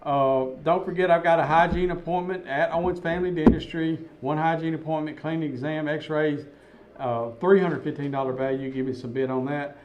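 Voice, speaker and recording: Man, radio auction host, folksy and chuckling, slightly high voice. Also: fairly even intonation, muffled recording, slight background noise. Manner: folksy, chuckling, reads bids off quickly. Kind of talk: live radio auction chat.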